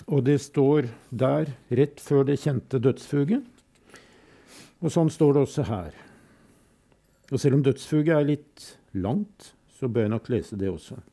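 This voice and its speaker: A man recites poems in a slow, solemn way, leaving long pauses between lines. His voice is gravelly and very dark, with a mellow, low warmth. Between poems he adds short spoken comments. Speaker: poetry reader and commentator. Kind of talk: reading poems aloud with brief commentary.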